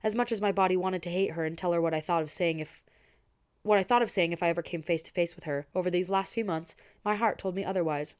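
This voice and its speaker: A young woman reading a novel aloud expressively, pausing to give her own reactions. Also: on the low side, clean tone. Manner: expressive and personal, stops to react. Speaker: book reader and reviewer.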